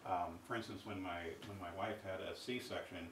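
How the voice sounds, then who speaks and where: A middle-aged man giving a university ethics lecture, halting with many fillers and restarts and asking the audience rhetorical questions. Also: deep voice, steady tone, a bit bright, a little hiss or hum. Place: lecture hall. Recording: echoey hall recorded from far off.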